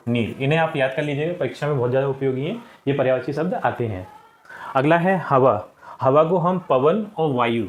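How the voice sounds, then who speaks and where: A man with a fairly high voice teaches a school lesson to young children. He talks patiently, checks in with them often and says words slowly a second time so they can follow. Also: a little mellow. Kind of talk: school lesson, explaining textbook answers.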